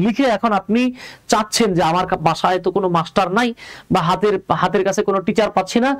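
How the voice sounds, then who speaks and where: High-voiced Bangladeshi man teaching English. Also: dry recording. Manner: explains step by step and asks students questions. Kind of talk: live online class lecture.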